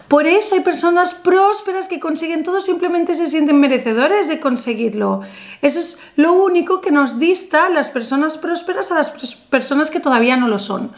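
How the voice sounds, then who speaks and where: In a small room before a painted backdrop, a high-pitched woman gives ritual instructions to her camera as a spiritual vlogger. Her manner is animated and emphatic with plenty of gesturing, and her affirmations come slow and stressed.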